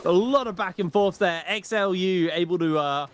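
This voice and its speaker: Guy casting a game tournament, chatty play by play, voice a bit high, clear noise in the background. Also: normal speed. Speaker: esports commentator. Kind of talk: live gaming commentary with casual chat.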